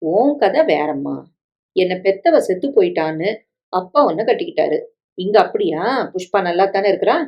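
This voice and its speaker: A woman voicing a reluctant thirty-five-year-old son who gently protests and doubts, in a story reading with dialogue. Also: lowish voice, animated, normal speed, highs cut off. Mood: doubtful.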